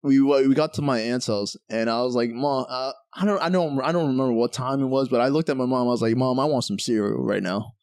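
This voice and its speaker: A man co-hosting a podcast, relaxed and chatty, mostly giving short replies. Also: mid-range voice, fast talker, hardly any pauses, no echo, studio quality. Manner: laid-back, brief back-channel replies. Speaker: podcast co-host. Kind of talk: casual chat.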